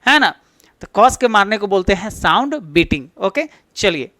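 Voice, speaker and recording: A man's voice: high-pitched, big pitch swings, normal speed, bright, forceful tone, no room sound. Man teaching an exam-prep lesson. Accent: Bihari Hindi. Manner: explains step by step, asks and answers his own questions. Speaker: English teacher. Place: classroom with a board.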